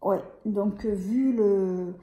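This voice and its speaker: A woman's voice: medium pitch, very slow, mellow. A woman vlogging a beauty unboxing in a casual, hesitant way, full of fillers and restarts. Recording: echoey room.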